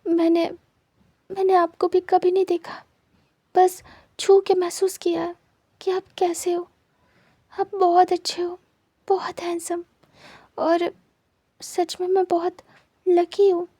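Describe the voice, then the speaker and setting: A woman's voice: very high voice, completely flat delivery, moderate pace, pauses often, mellow, no echo, voice pushed up. A woman voicing a young blind man who has just become a father, pleading and teary. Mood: tearful.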